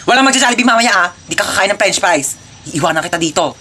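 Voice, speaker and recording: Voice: medium pitch, expressive, quick pace, sharp tone, a little hiss or hum. A performer doing a stern nagging priest. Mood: scolding. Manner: threatening, nagging. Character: scolding parish priest, stern adult man.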